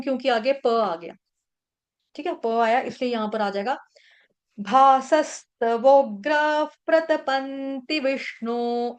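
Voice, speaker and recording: A woman teaches verse recitation over a video call in a fairly high voice. She works slowly and patiently, breaking each word into syllables and repeating them for her students. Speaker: online Sanskrit verse teacher.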